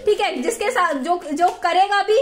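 A woman's voice: very high voice, moderate pace. A young woman vlogging in a heated, defensive rant, repeating herself and near tears at times. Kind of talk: emotional vlog rant.

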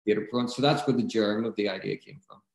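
A Belfast man in his thirties, a film director from Northern Ireland, speaks thoughtfully and earnestly over a video call from a room at home. His fairly low, gravelly, slightly mellow voice moves fast with fairly even intonation. The room sounds echoey.

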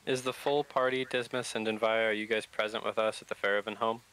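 A man's voice: fairly low pitch, level tone, fast, fairly bright tone, smooth, low-quality recording. A man chatting casually as a player in a tabletop game.

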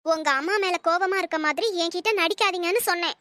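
A woman voicing a cold, defiant young wife in an animated cartoon, speaking in sharp, cutting retorts. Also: very high voice, quick pace, no room sound, clean studio sound. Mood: angry, scornful.

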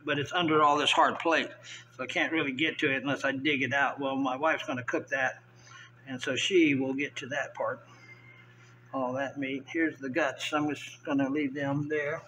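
Filleting fish at a tiled kitchen counter, an older vlogger from the South chats casually and thinks out loud in a relaxed how-to narration. He speaks at normal speed with a medium pitch, and the camera mic gives a muffled recording with a little hiss or hum.

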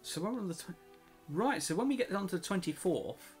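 Reading game text aloud in a casual let's play, a man speaks in a high, expressive voice at a fairly quick clip. A cold has made him slightly nasal and given him a sore throat, and faint background music can be heard.

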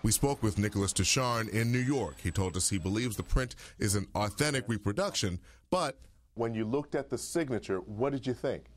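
A man reporting a news story in a measured, scripted narration style. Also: lowish voice. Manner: measured, even reporting delivery.

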